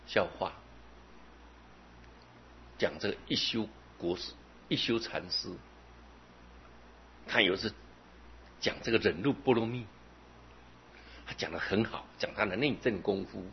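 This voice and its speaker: A man's voice: lowish voice, a little hiss or hum. A man giving a Buddhist sermon, telling stories with many filler particles. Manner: storytelling, with frequent filler particles. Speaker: Buddhist teacher. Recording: dull lo-fi recording.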